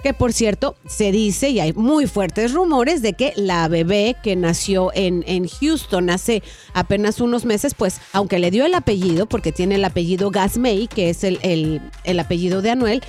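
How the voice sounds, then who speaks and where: A woman presenting celebrity gossip on a radio show in a playful, expressive, chatty way. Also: mid-range voice, moderate pace, faint music behind.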